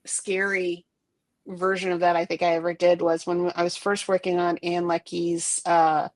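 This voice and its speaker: A woman's voice: lowish voice, little pitch movement, dry recording. A middle-aged woman chatting casually as an art director guest, rambling with lots of fillers and restarts. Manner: rambling, many fillers and restarts, quick bursts. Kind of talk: casual interview chat.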